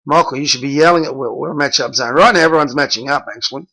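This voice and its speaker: Frustrated basketball coach, blunt. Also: male voice, fairly high pitch, very fast, pushed and bright, rough recording. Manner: blunt, frustrated, correcting players by name. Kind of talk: game film review.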